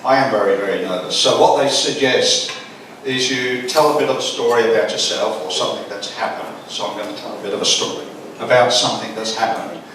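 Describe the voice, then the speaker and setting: A middle-aged Australian man giving an informal father of the bride wedding speech, halting and folksy with dry humour. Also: medium pitch, fairly even intonation, fairly bright tone. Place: large echoey wedding reception room. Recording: echoey hall from far off, faint noise.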